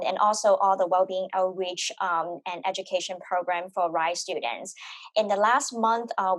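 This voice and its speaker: Woman, earnest, lots of "you know", mid-pitched, dry video call sound. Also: dry recording. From Hong Kong. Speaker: university wellbeing director. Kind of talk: panel introduction.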